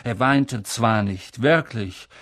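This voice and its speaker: A man reading a children's novel aloud in measured, expressive storytelling. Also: medium pitch, dry recording, studio quality. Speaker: audiobook reader. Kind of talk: scripted storybook narration.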